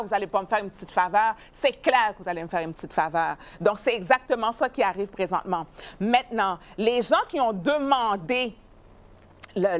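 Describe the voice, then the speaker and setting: A woman, hosting an opinionated news commentary show, animated and emphatic, often stumbling and repeating words. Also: on the high side. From not from Canada. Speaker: show host.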